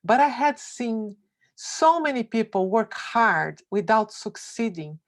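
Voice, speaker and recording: Reading a motivational essay about success, a woman speaks slowly and with emphasis, her expressive delivery marked by broad shifts in pitch.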